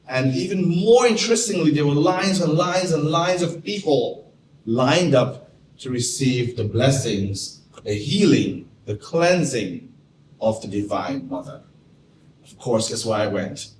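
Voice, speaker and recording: Trinidadian man telling his story in an echoey hall. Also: fairly high pitch. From Trinidad and Tobago. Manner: storytelling, animated when recalling wonder. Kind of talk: personal talk to teachers. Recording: echoey room from far off, faint noise.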